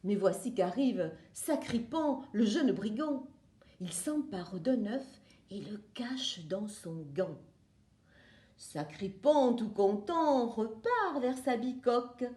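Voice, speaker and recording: High, slow storybook voice of a woman. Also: lively intonation, mellow. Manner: slow, sing-song, playful read-aloud. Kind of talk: children's storybook narration. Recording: roomy echo.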